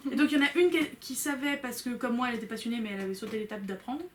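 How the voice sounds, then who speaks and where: Young woman, casual co-host, chatty and teasing, a touch high-pitched, faint noise behind. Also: very fast. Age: young adult. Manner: chatty, teasing, often drops to a low murmur. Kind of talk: casual chat.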